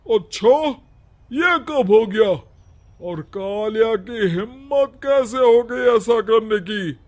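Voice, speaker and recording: A man's voice: high voice, lively intonation, takes it slowly, darkish tone. A man playing a stern, domineering village headman in a cartoon moral story, with a commanding, scornful manner. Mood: scornful, suspicious.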